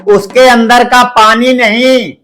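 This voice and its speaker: A greedy lawyer, put on by a man telling the joke wheedles as he lays out his terms. The voice is very high and slow. Faint music plays underneath. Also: steady tone, a bit bright, heavily acted. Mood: scheming. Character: greedy scheming male lawyer.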